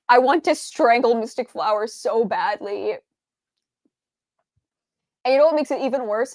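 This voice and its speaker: A woman's voice: a little high, a little mellow, no echo. A young adult woman streamer doing game reaction commentary, ranting in an exasperated tone and swearing freely.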